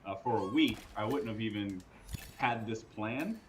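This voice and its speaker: Joking low-voiced American gamer. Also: male voice, unhurried, noisy background. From United States. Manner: joking, boastful, slightly out of breath. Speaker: competitor. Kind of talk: casual interview.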